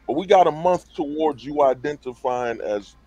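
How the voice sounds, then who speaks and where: A man's voice: a little high, expressive, normal speed, mellow, husky, muffled recording. A man on a livestream panel talking casually and emphatically, full of slang and rhetorical questions over a call mic. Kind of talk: casual debate talk.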